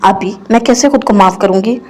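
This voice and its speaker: A woman's voice: mid-range voice, close to an everyday voice. Woman reading as a sad sick younger sister. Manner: soft, sad.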